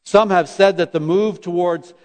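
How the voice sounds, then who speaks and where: A man's voice: high voice, fairly even intonation, normal speed, a little mellow. A man preaching a sermon, repeating phrases for emphasis and sometimes restarting his words. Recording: long hall reverb.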